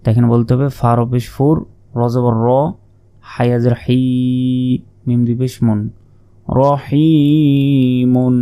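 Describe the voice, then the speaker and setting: A man teaching Quran reading, spelling out letters and vowel marks one by one, then chanting each word in a long, drawn-out melody. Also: mid-range voice, dark tone. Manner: slow measured spelling with drawn-out melodic recitation. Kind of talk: spelling out and reciting Arabic verses.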